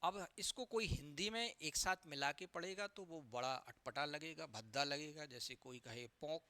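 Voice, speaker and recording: Bright-voiced man coaching interview candidates. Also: a little high, no room sound. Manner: repeats "है ना" as a tag; spells out abbreviations slowly. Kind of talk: explanatory lecture.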